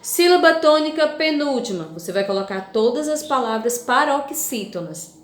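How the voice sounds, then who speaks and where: Woman teacher, high voice, echoey room. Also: animated. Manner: slow, clearly stressed word-by-word reading for children. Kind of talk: recorded online grade-school lesson.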